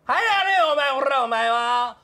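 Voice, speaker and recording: A man with a Kansai accent playing a loud, bullying middle-aged café customer who blusters and threatens in a comedy sketch. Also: very high-pitched, expressive, moderate pace, exaggerated voice. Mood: threatening. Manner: blustering, threatening, keeps saying "you".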